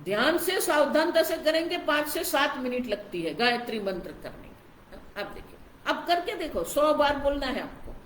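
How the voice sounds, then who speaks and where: A woman's voice: high-pitched, big pitch swings, moderate pace, reverberant, slight background noise, rough recording. A woman spiritual teacher giving a scripture discourse, explaining patiently and often calling her listeners to look closely. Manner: explanatory, repeats "ab dekho" to engage listeners.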